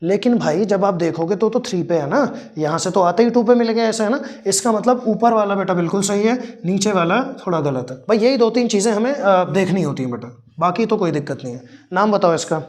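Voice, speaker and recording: A male teacher who teaches a chemistry class, fondly teasing and mock-scolding his students while slowly spelling out formulas step by step. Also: sits high, animated, darkish tone. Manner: affectionate, teasing and scolding, calls students "beta".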